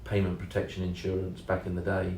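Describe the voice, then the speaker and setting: A man co-hosting a casual podcast, speaking in a measured, hesitant way with many ums and leaning hard on key words. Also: sits low, completely flat delivery, darkish tone, slight background noise. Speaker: podcast co-host and sales trainer. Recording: roomy echo, mic at a distance.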